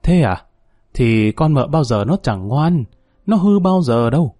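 A man's voice: mid-range voice, very animated, unhurried, warm tone, no room sound, clean studio sound. A man voicing a distraught, doting middle-aged mother who wails and scolds shrilly. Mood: tearful.

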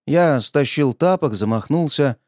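A man narrating an audiobook in a lively, expressive reading. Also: mid-range voice, measured pace, no echo, studio quality.

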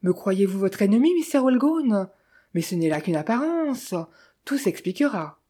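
A woman voicing a sly, smooth-talking male Italian bandit who mocks with false friendliness, in a storybook reading. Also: medium pitch, very animated, normal speed, dark tone. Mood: mocking.

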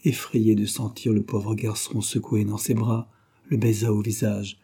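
Measured and expressive, a man narrates an audiobook of a classic novel in a lowish, husky voice.

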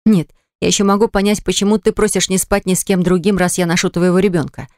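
A man's voice: high voice, steady tone, fast, a little mellow, dry recording. A man reading an audiobook, voicing a defiant, indignant young pregnant woman in a raised, heated voice. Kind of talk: audiobook character voice. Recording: dry close studio recording.

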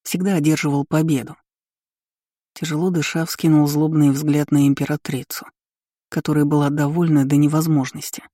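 Dark-toned male audiobook narrator. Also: on the high side, moderate pace, no echo, studio quality. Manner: steady, dramatic reading. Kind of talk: scripted first-person narration.

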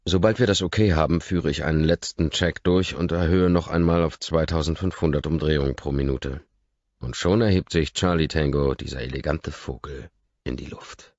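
A man narrating an audiobook in the first person, in a calm, measured reading that drops to a murmur. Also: rumbling low, no room sound, muffled recording.

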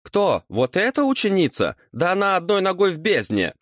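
Man doing a shrill outraged devil. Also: very animated, a little slow, a bit bright, dry recording, studio quality. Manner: shrill, exasperated outbursts. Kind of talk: audiobook character voice.

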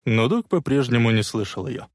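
A man narrating an audiobook with expressive storytelling delivery. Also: medium pitch, normal speed, no room sound, studio quality. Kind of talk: dramatic audiobook reading.

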